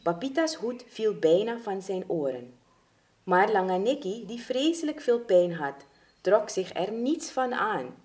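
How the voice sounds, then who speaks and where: A woman reads a children's story aloud. Her delivery is slow and expressive, and her pitch rises and falls widely as she dramatizes the tale.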